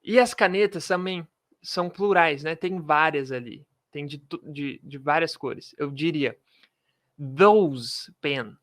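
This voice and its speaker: Slow, dry-voiced man teaching English. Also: a little high, fairly bright tone, no echo. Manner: slow, drilling pronunciation with repetitions. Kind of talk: video lesson. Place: room with pens and a globe.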